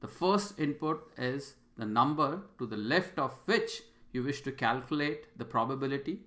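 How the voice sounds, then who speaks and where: A man giving an instructional lecture as a teacher, speaking in a measured, deliberate way as if dictating terms step by step. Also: mid-range voice, expressive, a bit bright. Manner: measured, deliberate dictating of terms and formulas in short separated phrases. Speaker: statistics lecturer.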